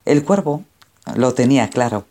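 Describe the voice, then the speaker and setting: A man narrating a fable as a storyteller, in a calm, measured way. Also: medium pitch, faint music behind.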